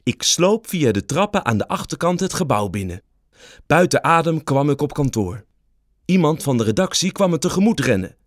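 A man narrating a children's storybook in an expressive, animated reading. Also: a little high, normal speed, no room sound, clean studio sound.

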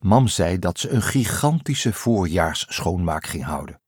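A man's voice: sits low, big pitch swings, measured pace, slightly rough, dry recording, clean studio sound, exaggerated voice. A man voicing a glum, wry young boy on a camping trip in a storybook. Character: boy camper, glum but joking.

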